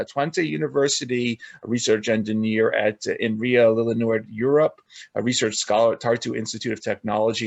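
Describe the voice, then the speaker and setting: A man's voice: lowish voice, vocal fry, dry recording. A man hosting an interview podcast, introducing a guest with many filler uhs. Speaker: podcast host.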